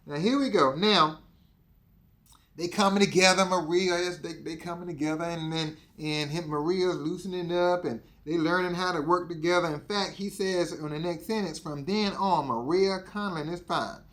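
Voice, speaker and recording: A man reads aloud from a book, pausing often to speak directly to his listeners as teammates. His voice sits high for a man, and he preaches with repetition. The tone is that of a motivational lesson. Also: fairly even intonation, a bit bright. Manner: preachy, repeats himself, talks to listeners as teammates. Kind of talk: reading aloud with commentary.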